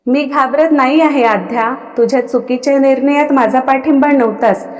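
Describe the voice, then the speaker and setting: Woman doing a firm, indignant young brother, high voice, long reverb. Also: normal speed, a little mellow, natural voice. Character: loyal protective elder brother, young man.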